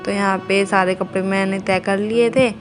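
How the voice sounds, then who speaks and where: A woman's voice: medium pitch, fairly even intonation, normal speed, music in the background. A young woman from India, narrating her day at home casually to viewers while minding her baby. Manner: chatty, homely, talks to viewers and baby. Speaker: vlogger mother. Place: home indoors.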